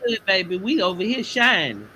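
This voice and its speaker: A woman's voice: medium pitch, big pitch swings, moderate pace, sharp tone, a little hiss or hum, rough recording. A woman hosting a live chat show, sassy and teasing as she talks to her guests. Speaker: host. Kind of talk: casual chat.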